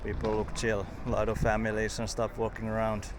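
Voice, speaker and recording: Man, low voice, flat delivery, casual vlog rambling, outdoors, street traffic noise behind. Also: fairly quick. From Finland. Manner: rambling, loose, full of "like" and "uh". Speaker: travel vlogger. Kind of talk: casual walking commentary.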